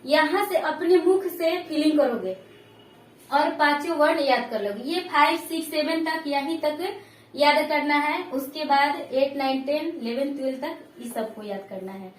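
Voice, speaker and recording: A woman's voice: sits high, a little slow, echoey room, far from the mic. A woman teaching a lesson, patiently repeating points and checking that her students follow. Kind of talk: classroom lesson.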